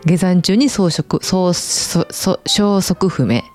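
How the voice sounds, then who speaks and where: A woman's voice: on the low side, slow pace, darkish tone, soft background music. A woman with an Osaka-area Kansai accent hosting a casual chat, announcing segments and chattily agreeing and prompting. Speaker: host.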